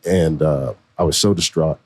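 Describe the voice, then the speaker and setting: A man in his forties, a podcast co-host, telling his story in a relaxed, slangy way. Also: rumbling low, moderate pace. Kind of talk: casual conversation.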